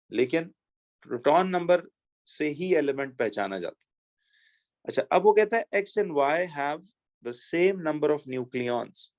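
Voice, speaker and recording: A man teaching a chemistry lesson, reading exam questions slowly and explaining step by step with rhetorical questions to his pupils. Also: a little high.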